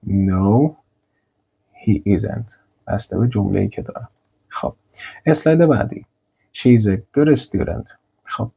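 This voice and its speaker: A young man teaching an English grammar lesson with slides, drilling sentences slowly and repeating them. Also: on the low side, mellow, husky. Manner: slow, deliberate model sentences, repeating drills.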